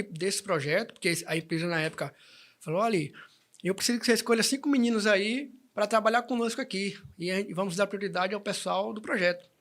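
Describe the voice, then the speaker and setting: A man's voice: sits high, a bit bright. A man, chatting as an interview guest and telling his story with many restarts. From Salvador, Bahia, Brazil. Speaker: guest, band president. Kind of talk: casual interview chat.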